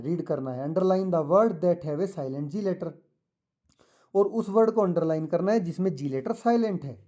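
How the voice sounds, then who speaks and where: Patient teacher with a mellow voice. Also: male voice, fairly high pitch. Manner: mixes English and Hindi, reads English slowly then explains; patient, repetitive, addresses children directly. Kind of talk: explaining a school textbook lesson to children.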